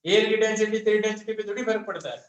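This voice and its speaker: This high-pitched male physics teacher delivers his lecture rapid-fire with fairly even intonation, posing questions and then answering them himself. The echoey classroom rings around him, and the highs in the recording are cut off.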